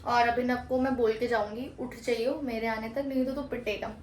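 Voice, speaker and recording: A woman's voice: a little high, flat delivery, fairly quick. A young woman vlogging casually, bossy and teasing toward her younger brother. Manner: bossy big-sister scolding and teasing. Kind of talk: casual vlog chat. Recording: noisy phone audio.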